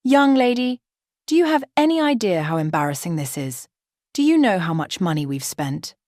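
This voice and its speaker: A woman's voice: on the low side, sing-song, normal speed, darkish tone, dry recording, clean studio sound. A woman voicing a haughty, wealthy older mother-in-law who scolds in a condescending way. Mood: scolding.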